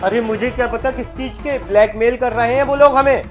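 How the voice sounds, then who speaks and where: An actor playing a young husband, irritated and agitated at being blackmailed, over background music. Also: male voice, very high voice, a little fast. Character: young husband caught in a dowry blackmail, man. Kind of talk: web-series family drama acting.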